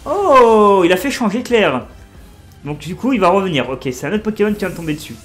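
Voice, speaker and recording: A man in his twenties giving casual, excitable commentary while playing a video game and talking to his viewers. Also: high voice, a little fast, soft background music. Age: 20s. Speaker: let's play streamer.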